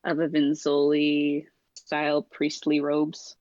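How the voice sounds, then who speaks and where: Slow-talking woman playing a tabletop game, dull recording. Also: low voice, monotone, darkish tone, no room sound. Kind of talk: casual in-game chat.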